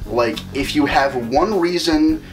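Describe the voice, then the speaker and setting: A man's voice: fairly high pitch, slow, soft background music, rough recording. A man giving an earnest, wordy opinion in a casual film review chat. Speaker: film review show co-host.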